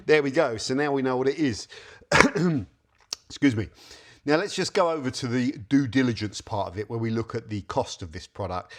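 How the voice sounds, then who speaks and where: A man giving a casual car-care product review, reading labels aloud with wry asides. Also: medium pitch.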